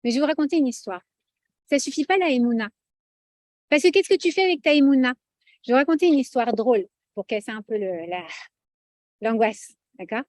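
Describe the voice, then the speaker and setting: A woman teaching a lively religious lesson to an audience, chatty and animated, often checking in with the audience. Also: sits high, fairly quick, long pauses, no room sound, clean studio sound.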